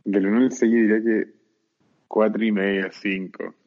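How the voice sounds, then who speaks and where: A man's voice: fairly low pitch, little pitch movement, moderate pace. Chatty young Chilean man, tinny line. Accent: Chilean Spanish. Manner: chatty, slangy storyteller. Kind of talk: casual chat.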